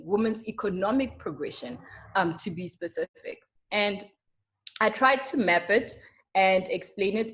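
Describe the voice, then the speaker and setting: Earnest young South African woman presenting. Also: medium pitch. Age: young adult. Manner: earnest, emphatic, frequent ums. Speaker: marketer. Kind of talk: webinar presentation.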